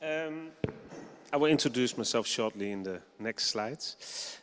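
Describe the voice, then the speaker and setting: A man's voice: mid-range voice, lively intonation, unhurried, a bit bright, smooth. A man from the Netherlands, giving a conference presentation in English and explaining steadily with frequent ums. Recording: long hall reverb.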